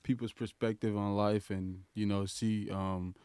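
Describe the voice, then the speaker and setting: A young man with a lowish, smooth and resonant voice hosts a casual podcast interview, joking easily and keeping things loose. The sound is dry and close, with no room echo. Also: level tone, a little mellow. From raised in a refugee camp. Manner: loose, chatty, quick to joke. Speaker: podcast host.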